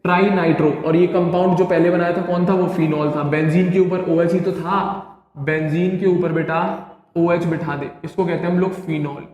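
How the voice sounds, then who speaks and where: A man's voice: on the high side, level tone, normal speed, a little mellow, dull audio. Teacher man in an echoing room. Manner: drilling, asks questions and answers them himself; calls students "beta", keeps asking if it is clear. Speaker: chemistry teacher. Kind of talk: online classroom lecture. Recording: very echoey classroom with long reverb.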